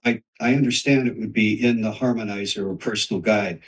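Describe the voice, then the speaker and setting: A man's voice: fairly low pitch, fairly even intonation, a little fast, recorded from a distance, rough recording. A man asking probing, rambling questions about how a program works in a casual call. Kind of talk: casual video-call discussion.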